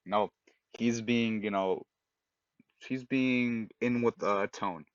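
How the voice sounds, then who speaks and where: A man co-hosting a casual podcast, giving direct advice in an animated way and sometimes acting out example voices. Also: on the low side, takes it slowly, dry recording, highs cut off. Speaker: podcast co-host.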